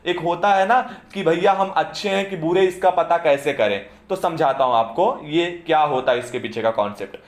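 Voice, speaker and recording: In a classroom lecture, a man explains points and keeps asking his students "समझे?" to check they understand. His fairly high voice moves at a moderate pace with few pauses, and the room is echoey.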